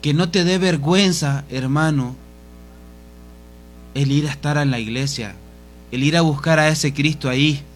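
A man preaching with fervor, urging the faithful on in a fairly high voice. His voice rises to plead and sinks low and soft each time he turns to the congregation. Gentle guitar plays faintly behind him. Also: a little slow, long pauses. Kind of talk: sermon.

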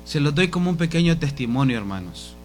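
A man preaching a sermon in a fervent, pleading way, his voice dropping soft each time he addresses the congregation. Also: fairly high pitch, animated, a little fast, faint music behind.

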